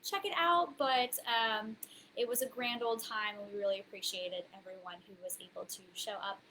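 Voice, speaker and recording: A woman's voice: on the high side, moderate pace, noisy background. A woman hosting a casual live stream of marketing tips, chatty and bubbly with many fillers, a little out of breath. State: slightly out of breath. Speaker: host. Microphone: webcam on a social media live stream.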